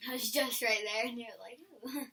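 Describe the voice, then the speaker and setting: A woman's voice: fairly high pitch, fairly even intonation, brisk, sharp tone, far from the mic. A woman acting as a patient in an exam demonstration, giving short casual replies from a little away from the microphone.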